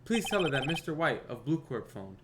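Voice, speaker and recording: A man's voice: medium pitch, big pitch swings, brisk, very noisy, close to an everyday voice. A man voicing a polite, formal male hotel bellboy in a put-on accent while playing a video game. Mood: courteous. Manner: stiff, courteous put-on accent.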